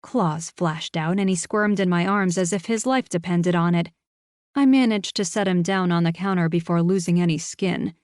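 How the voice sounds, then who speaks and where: Woman reading a first-person cozy mystery, lively and self-mocking, low-ish pitch, dry studio sound. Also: normal speed, dry recording. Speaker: audiobook narrator.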